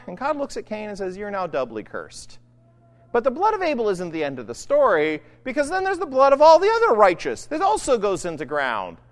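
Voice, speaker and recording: A preacher in mid-sermon, the voice rising and falling dramatically as it drives through each point. Questions are tossed out to the listeners and then answered. A long, echoing reverb trails each phrase, as if from a large church hall. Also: mid-range voice. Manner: rhetorical questions, emphatic preaching.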